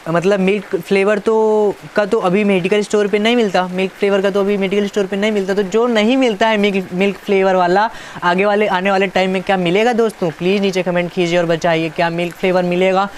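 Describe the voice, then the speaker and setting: A man's voice: high voice, level tone, fairly quick, a little hiss or hum. A man casually reading out a chat and adding teasing, playful comments as a YouTuber. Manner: playful, teasing, reads chat lines aloud.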